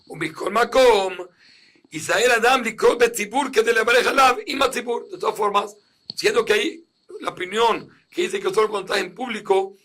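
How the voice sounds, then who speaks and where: A man's voice: high voice, moderate pace, a bit bright. A man teaching a lesson on religious law, reading Hebrew passages aloud and then explaining each one plainly in Spanish.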